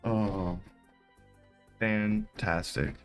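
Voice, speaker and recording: A man running a tabletop game as game master, animated and quick to slip into character voices. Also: on the low side, soft background music.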